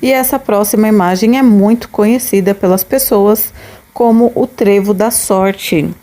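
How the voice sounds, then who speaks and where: A woman teaching an English lesson, repeating key phrases slowly and deliberately. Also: medium pitch, mellow. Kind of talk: scripted language lesson.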